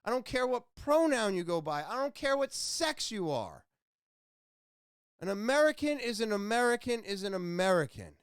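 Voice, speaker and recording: A man hosting his own podcast, delivering an impassioned solo opinion monologue that swings between ranting and quiet somber talk. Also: sits high, very animated, normal speed, clear, resonant tone, no echo, studio quality. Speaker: podcast host.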